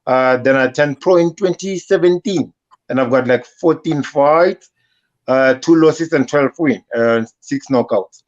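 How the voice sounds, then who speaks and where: A man's voice: mid-range voice, unhurried, highs cut off. Hesitant male boxer. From South Africa. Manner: hesitant, many "uh" fillers, modest. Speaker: professional boxer, guest. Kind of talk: casual interview.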